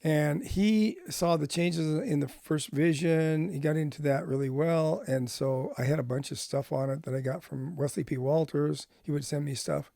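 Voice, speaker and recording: Middle-aged guy telling his story, gravelly dark voice, acts out the back and forth. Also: fairly high pitch, normal speed, few pauses, no room sound. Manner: animated, acts out both sides of conversations. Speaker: ministry speaker. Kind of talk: storytelling testimony.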